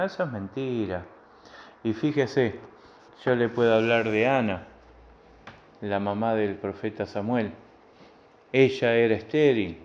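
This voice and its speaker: Low-voiced Rioplatense pastor preaching. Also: male voice. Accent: Rioplatense Spanish. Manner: plain conversational preaching with repeated phrases. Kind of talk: sermon. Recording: dull lo-fi recording with faint ambience.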